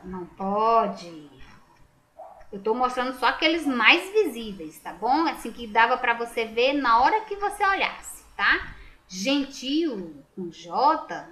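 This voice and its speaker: A woman's voice: on the high side, a bit bright. A Brazilian woman teacher patiently going over a school exam, asking and answering her own questions. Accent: Brazilian Portuguese. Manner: patient, checks answers aloud with rhetorical questions. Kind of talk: exam correction lesson.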